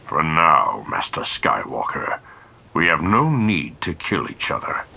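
A man voicing a desperate male Sith high lord whose helmet gives his voice a droning sound, often hushed and whispery. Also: big pitch swings, unhurried, vocal fry, a little hiss or hum, heavily acted. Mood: menacing hush. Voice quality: droning through a helmet voice box. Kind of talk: audiobook character voice.

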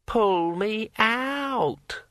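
A man voicing a pushy talking magic sword in a high, ringing, drawn-out voice. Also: animated, bright, forceful tone, dry recording, clean studio sound, exaggerated voice. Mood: bossy. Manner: slow and drawn out.

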